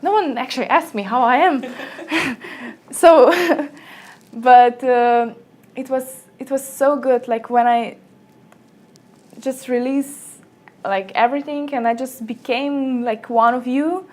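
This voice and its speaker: Chatty young woman with a Slovenian background. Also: slow pace. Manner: lively storyteller, acts out quotes in a higher voice. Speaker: guest. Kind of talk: casual interview chat. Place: small office meeting room.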